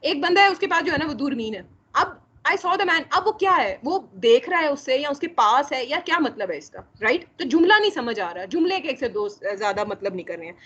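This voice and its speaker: A woman teaching a casual lecture, often filling pauses with a repeated tag phrase and mixing in English terms. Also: high-pitched, very animated, a bit bright. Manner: frequent filler "jo hai na", mixing English terms. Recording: muffled lo-fi voice recording.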